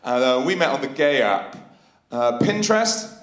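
A man's voice: medium pitch, animated, normal speed. A man in his thirties with a Welsh Valleys accent, performing a cheeky, sweary stand-up routine with punchy delivery into a handheld microphone. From Wales, the Valleys. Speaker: stand-up comedian. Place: large theatre stage, indoors. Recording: echoey theatre stage sound.

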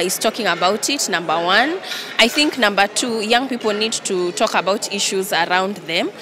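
A young woman with a Kenyan accent giving an interview into reporters' microphones, switching between English and Swahili. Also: medium pitch. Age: young adult. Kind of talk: on-the-spot media interview. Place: large indoor event hall. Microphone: handheld reporters' microphones. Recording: clear background noise of busy hall.

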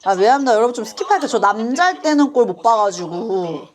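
A woman's voice: fairly high pitch, animated. Chatty woman doing a reaction video. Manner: chatty, quick asides, frequent apologies. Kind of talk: casual reaction chat.

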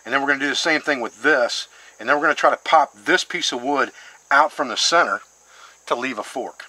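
In a medium-pitched, bright, forceful voice and a fairly quick pace, a middle-aged bushcraft instructor carves a stick on a wooden board outdoors. He plainly explains every step of the demonstration. The recording has no room sound and is low in quality.

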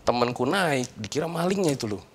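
A young man casually telling a personal ghost story in conversation, animated and acting out the voices of the people in it. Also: mid-range voice, a little fast, slight background noise. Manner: animated, acts out quoted voices. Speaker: guest storyteller.

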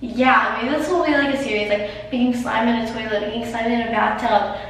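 A woman's voice: on the high side, steady tone, fairly quick, a bit bright, distant mic, a little hiss or hum. A woman vlogger giving a chatty, upbeat slime tutorial, her voice ringing with strong echo inside an enclosed hotel shower. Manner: chatty, filler-heavy, upbeat. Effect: strong echo from an enclosed shower stall. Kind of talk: casual slime-making tutorial. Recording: very echoey, from off-mic.

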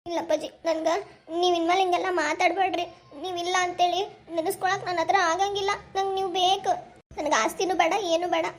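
A woman's voice: very high voice, level tone, quick pace. A woman voicing a tender, pregnant young daughter in a family cartoon, pleading emotionally in North Karnataka Kannada. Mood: pleading, tearful.

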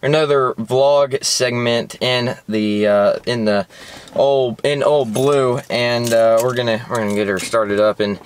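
A man's voice: medium pitch, fairly even intonation, measured pace, clean tone. A young man vlogging about fishing from a parked car, rambling casually with lots of fillers. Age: young adult. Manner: chatty, rambling, many fillers. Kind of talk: casual vlog commentary.

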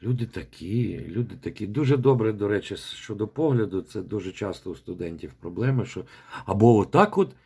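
A man's voice: lowish voice, expressive, fairly quick, dark tone, slightly rough. A man coaching a student's recitation in a rambling voice message, repeating words as he demonstrates. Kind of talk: spoken feedback voice message.

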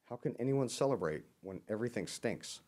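A man's voice: mid-range voice, lively intonation, a little fast, a little mellow, lightly acted. A man voicing a grumpy, complaining young monkey from a children's storybook. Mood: exasperated, complaining. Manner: grumbling.

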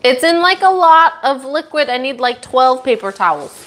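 A woman's voice: high-pitched, expressive, normal speed, fairly bright tone. A woman cooking in a home kitchen on a live stream, reading out recipe steps and playfully protesting the teasing. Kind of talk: casual chat while cooking.

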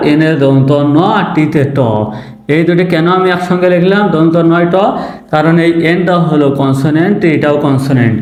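Man, English teacher, spells words letter by letter, slightly high voice, echoey room. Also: a little mellow. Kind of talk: classroom lesson.

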